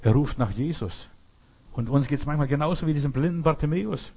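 An older man preaching a sermon, speaking emphatically with dramatic pauses, repeating phrases and addressing the listener directly. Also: a little high, darkish tone, breathy edge.

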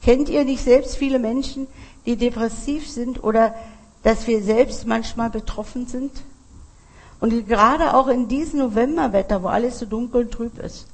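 A woman's voice: a little high, moderate pace, husky, poor audio. A woman preaching a sermon, addressing her congregation directly and earnestly.

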